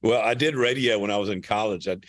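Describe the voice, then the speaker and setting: A man from Louisiana, a guest pastor with a deep radio voice, talking casually and self-deprecatingly on a podcast, with halting restarts. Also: a bit bright.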